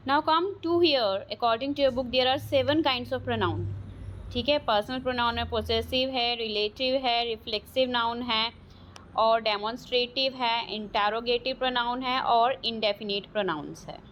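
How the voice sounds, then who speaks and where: A woman with an Indian accent teaching an English grammar lesson, explaining terms in Hindi and often checking with "clear?". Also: a little high, a bit bright, a little hiss or hum. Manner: slow, drawn-out, checks understanding with "clear?".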